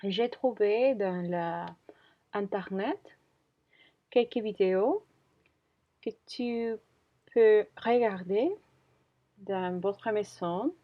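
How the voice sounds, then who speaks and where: Woman in her thirties, very slow hesitant teacher, muffled lo-fi sound. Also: medium pitch. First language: Spanish. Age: 30s. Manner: hesitant, many fillers and self-corrections. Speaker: French teacher. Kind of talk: slow beginner language lesson. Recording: dull lo-fi audio.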